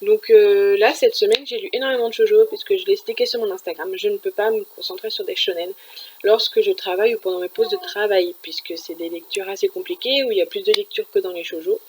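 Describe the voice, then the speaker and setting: A woman chats at home about what she has been reading, her talk loose and full of little fillers and restarts. Her voice sits at an ordinary middle pitch. A faint background noise runs under the recording. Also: steady tone, quick pace, low-quality recording. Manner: chatty, many fillers and restarts. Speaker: manga reviewer. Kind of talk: casual chat.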